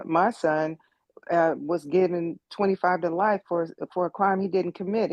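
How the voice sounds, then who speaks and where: A woman's voice: on the low side, a little mellow, dry recording, low-quality recording. A woman in her sixties from the United States, giving earnest personal testimony in an online meeting and repeating words as she thinks. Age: 60s. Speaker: meeting participant.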